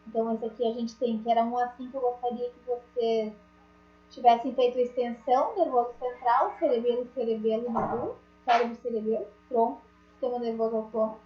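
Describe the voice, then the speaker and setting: A woman's voice: on the high side, fairly even intonation, fairly quick, reverberant, lo-fi sound. A woman teacher giving an online class, chatty and joking, talking straight to her students. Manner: chatty, jokey, addresses students directly.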